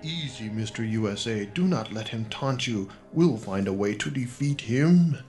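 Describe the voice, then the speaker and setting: A man playing a calm, earnest alien superhero in a cartoon, with stiff, formal heroic diction. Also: fairly low pitch, moderate pace, natural voice. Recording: music behind the voice.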